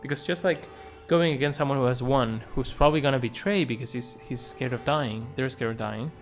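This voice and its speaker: Guy streaming a game, talks his choices through out loud, cracks little jokes, mid voice, soft game music under him. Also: medium pitch, a little fast. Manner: thinks aloud, reasoning things through. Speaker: streamer playing a video game. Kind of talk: live gameplay commentary.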